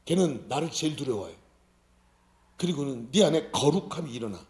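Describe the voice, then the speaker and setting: A man's voice: medium pitch, expressive, brisk, a little mellow, voice pushed down, lightly acted. A man preaching who voices Jesus as an urgent, commanding speaker. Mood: urging. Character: insistent loving male Jesus. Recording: roomy church hall.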